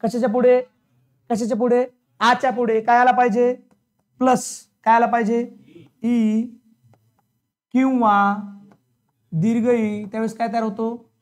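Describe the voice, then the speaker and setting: A man's voice: very high-pitched, level tone, measured pace, long pauses. Blunt male teacher drilling a class. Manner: drills the class with repeated questions; scolding, colloquial and blunt. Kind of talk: classroom grammar lecture. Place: classroom with students.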